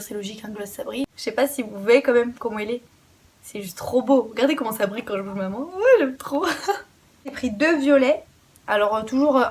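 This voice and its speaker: Chatty young French woman, slightly high voice. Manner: chatty, enthusiastic, swears casually and restarts words. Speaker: beauty vlogger. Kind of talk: casual makeup haul chat.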